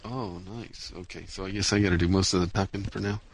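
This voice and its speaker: A man's voice: deep voice, fast. A man hosting a gaming podcast, chatting casually and bantering with his co-hosts. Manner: relaxed, bantering. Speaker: podcast host. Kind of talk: casual chat.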